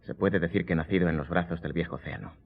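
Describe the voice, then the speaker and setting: A worldly, ironic gentleman count in a radio drama. His low voice is theatrical and courtly, and the recording is muffled and thin like a telephone line. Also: very fast, gravelly. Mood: courtly, inviting. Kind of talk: Spanish radio drama acting.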